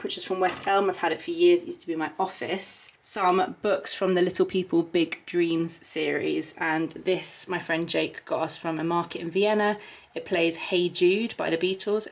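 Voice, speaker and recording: A woman giving a chatty, relaxed home tour as a vlogger, filmed on a handheld camera in a small nursery room at home. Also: medium pitch. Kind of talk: casual home tour narration.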